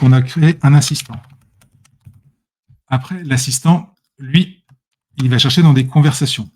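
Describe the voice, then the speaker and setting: A man's voice: mid-range voice, darkish tone. A man giving a casual live tutorial while sharing his screen, chatty and self-correcting, speaking straight to his viewers on a computer mic. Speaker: presenter demonstrating software.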